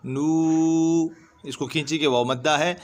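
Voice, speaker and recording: A man gives a patient, step-by-step reading lesson, spelling letters one at a time and stretching out long vowels. His voice sits at an ordinary middle pitch. He talks like a teacher walking a student through each line. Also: fairly even intonation, fairly bright tone. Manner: spells letters slowly, then draws out the syllables. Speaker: Quran teacher. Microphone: voice-over over screen recording.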